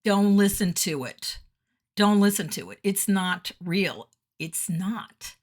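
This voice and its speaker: A woman's voice: mid-range voice, expressive, takes it slowly. A middle-aged woman and motivational speaker, giving an upbeat, earnest, encouraging video message.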